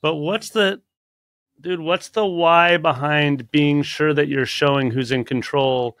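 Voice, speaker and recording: A man's voice: a little high, fairly even intonation, slow, fairly bright tone, no room sound, clean studio sound. A male podcast host who cuts in eagerly with questions and enthusiastic reactions. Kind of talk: casual podcast conversation.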